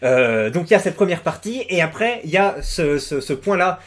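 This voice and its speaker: A man's voice: a little high, animated, moderate pace. A young man giving casual commentary on a music video from his room at home, hesitant, with many fillers and restarts. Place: room at home with the door closed.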